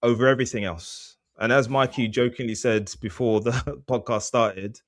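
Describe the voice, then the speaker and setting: A man's voice: medium pitch, fairly even intonation, moderate pace, dry recording, clean studio sound. A man hosting a casual football podcast, rambling with restarts and admitting he is slurring his words. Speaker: podcast host.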